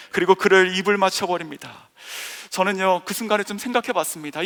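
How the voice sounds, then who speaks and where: A man's voice: high-pitched, creaky, a bit bright. A male pastor preaching a sermon with emphatic, dramatic delivery, acting out the voices in the story. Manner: emphatic preaching, acts out the father's voice. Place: church sanctuary. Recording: long reverb in a church hall.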